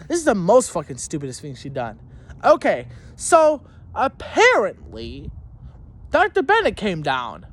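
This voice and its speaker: A student, a young man with a high, fairly bright voice, tells a school story as an angry rant to camera. He goes after his teachers with plenty of swearing, rambling and false starts, sounding indignant, heated and scornfully mocking.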